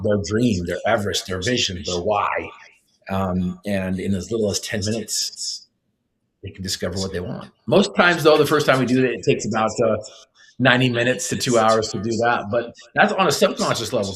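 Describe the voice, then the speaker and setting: A man with a fairly low voice talks earnestly in an interview, explaining his coaching tools. He often restarts and fills pauses with "uh" and "you know.". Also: rough recording. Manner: earnest, many fillers and restarts. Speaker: motivational speaker, guest. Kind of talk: casual interview talk.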